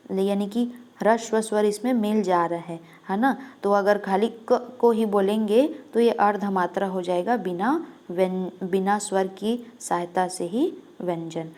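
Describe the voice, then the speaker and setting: A woman teaching an exam-prep lesson at a mid-range pitch. She works through each point patiently and keeps asking questions that she answers herself. When she gives an example, she lingers on the sound and stretches it out. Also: a little slow, darkish tone. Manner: explains step by step, asks and answers her own questions; drags out sounds when demonstrating.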